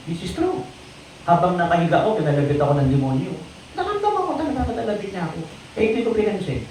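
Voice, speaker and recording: Preacher in a very echoey church. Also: a little hiss or hum. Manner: call-and-response, asking the congregation for amens; swings from loud exclamations to low quiet phrases. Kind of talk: sermon. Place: church hall. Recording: very echoey hall, voice from far off.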